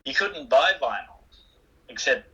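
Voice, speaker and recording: Bright-voiced older Australian man. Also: mid-range voice, expressive, measured pace. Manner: rambling, self-deprecating, frequent restarts and fillers. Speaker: guest musician. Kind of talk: casual interview chat. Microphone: phone call. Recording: phone-line interview.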